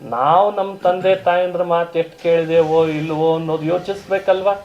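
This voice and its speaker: A man's voice: on the high side, fairly even intonation, normal speed, muffled recording, a little hiss or hum. A man giving a storytelling sermon. He retells a story with quoted dialogue, explains Sanskrit terms and asks his listeners rhetorical questions. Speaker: religious discourse speaker.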